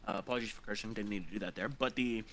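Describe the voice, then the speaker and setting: A man's voice: fairly low pitch, fairly even intonation, very fast, fairly bright tone, a little hiss or hum. A man training medics in a game group over voice chat, rambling, swearing and correcting himself, tired and eating while he talks. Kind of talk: casual voice chat instruction.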